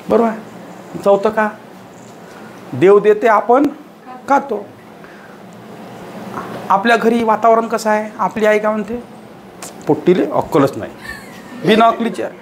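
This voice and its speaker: A man's voice: sits high, slight background noise. A man giving a motivational lecture to a live audience, firing rhetorical questions and hammering points home through repetition. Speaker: teacher giving a motivational talk.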